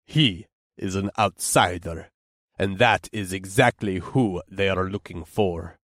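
A man doing a gruff, grunting orc bartender. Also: low voice, fairly bright tone, dry recording, clean studio sound, voice pushed down. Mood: stern. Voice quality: gruff, hissing. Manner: slow, grunting and stern. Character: large gruff disapproving male orc bartender.

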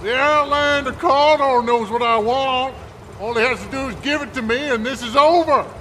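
Over faint background noise comes a man playing a brutal bandit chief, pitched very high, bright and cutting. Each slow word drips with profane menace. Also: poor audio. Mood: bullying. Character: ruthless male bandit leader shouting threats.

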